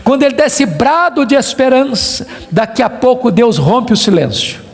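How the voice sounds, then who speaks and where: A man with a Brazilian Portuguese accent, a pastor preaching a sermon with emphatic repetition, rising to loud peaks and dropping to hushed low phrases. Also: big pitch swings, moderate pace, vocal fry. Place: church sanctuary. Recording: reverberant church hall.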